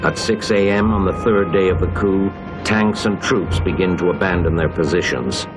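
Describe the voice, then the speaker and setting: A man narrating a documentary in a measured, scripted delivery. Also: sits low, music in the background.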